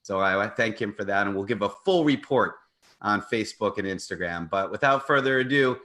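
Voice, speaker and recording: A man's voice: lowish voice, fairly quick, bright, forceful tone. Upbeat man hosting a legal radio show. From United States. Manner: upbeat promotional patter. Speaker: host, personal injury attorney. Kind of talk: live radio talk show.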